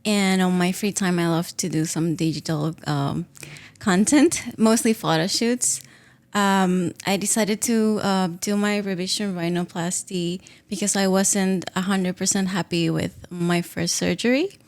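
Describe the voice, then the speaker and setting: A Peruvian woman in her thirties, a native Spanish speaker, casually tells her own story as a podcast guest, sometimes searching for words. Her voice is on the low side and darkish, with fairly even intonation and a slightly slow pace.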